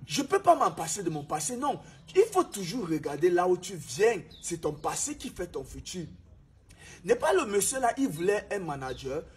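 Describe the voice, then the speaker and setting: A man's voice: sits high, sing-song, moderate pace, breathy edge. A young man from Cameroon with a Cameroonian French accent, telling his life story as a preachy, emphatic motivational talk. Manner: preachy, emphatic, repeats himself. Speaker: restaurant manager.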